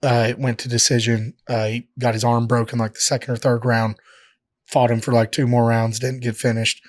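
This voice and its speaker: A professional fighter tells stories as a guest on a casual podcast, rambling and swearing freely, with a steady stream of filler words. His voice sits at an ordinary male pitch. The sound is close and dry, with no room in it. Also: brisk, no room sound. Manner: profane, rambling storytelling, heavy filler words. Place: podcast studio.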